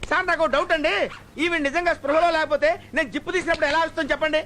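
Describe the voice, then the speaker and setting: A man's voice: very high-pitched, steady tone, very fast, pushed and bright, a little hiss or hum. A man playing a bumbling comic character who pleads, whines and cracks jokes, over film music. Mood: protesting. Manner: whiny, pleading and wisecracking. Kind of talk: Telugu film comedy acting. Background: film score music.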